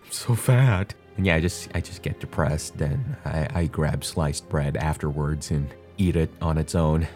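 A man's voice: a bass voice, steady tone, moderate pace, few pauses, a little mellow, soft background music. A young man giving casual, joking film commentary, swearing freely and rambling with restarts.

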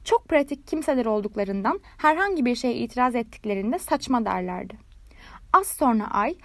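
A woman narrates a fairy tale with a measured, expressive storytelling delivery. Her voice sits high, and the recording is dry and close, with no room around it. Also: dry recording.

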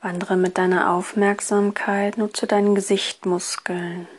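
A woman guiding a relaxation exercise in a soft, partly breathy voice, with a soothing, hypnotist-like delivery. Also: mid-range voice, little pitch movement, unhurried. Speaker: relaxation course instructor. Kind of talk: guided relaxation, scripted instruction.

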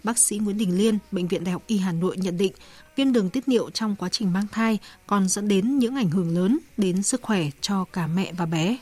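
A woman's voice: mid-range voice, normal speed, darkish tone. Woman presenting a formal health bulletin. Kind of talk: formal scripted news narration.

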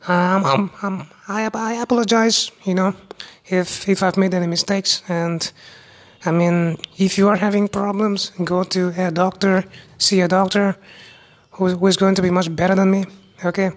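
With a flat delivery and a mid-range voice, a young Indian-accented woman from India, recently qualified as a doctor, talks alone on her own medical podcast. She stumbles and restarts frequently, and her speech is not very clear.

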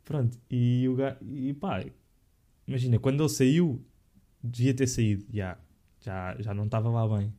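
A young man speaks European Portuguese in a casual podcast chat. His voice is extremely dark and mellow, with a middle pitch. He talks loosely in slang, with hesitations and restarts. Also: steady tone, normal speed.

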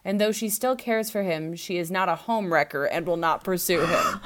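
A woman's voice: lowish voice, moderate pace, heavy background noise. A woman hosting a podcast, recapping a film in casual chat and laughing often. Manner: giggly, animated storytelling. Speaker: podcast host.

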